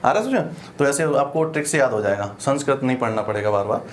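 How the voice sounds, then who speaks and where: A man's voice: medium pitch, lively intonation, fast talker, slight background noise. A male teacher giving an exam-prep grammar lesson. He explains step by step in a colloquial way and often stops to ask whether the class is following. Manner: explains step by step with frequent check-in questions; colloquial, uses "apan" for "we".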